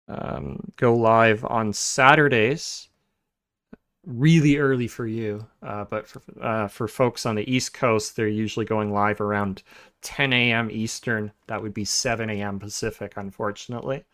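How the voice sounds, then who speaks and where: A man's voice: mid-range voice, a little slow. Podcast host guy, easygoing, lots of uhs and ums, middle-of-the-road voice. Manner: relaxed, many filler sounds and restarts. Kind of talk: casual podcast chat.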